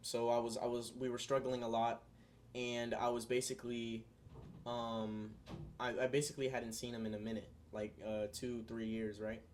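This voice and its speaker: A man's voice: mid-range voice, completely flat delivery, normal speed, a little mellow, slight background noise. A young man talking straight to his viewers in a casual vlog, rambling through his thoughts with lots of fillers and restarts. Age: young adult. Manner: earnest, spiritual musings addressed to viewers. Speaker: vlogger.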